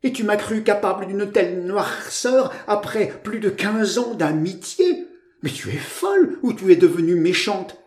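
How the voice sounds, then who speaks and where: Storybook role: man doing a weepy, wide-eyed young woman, high and pleading. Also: wildly swooping pitch, measured pace, reverberant, full character voice. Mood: tearful pleading. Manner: pleading, rising high exclamations. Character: tearful, naive young woman, wounded friend.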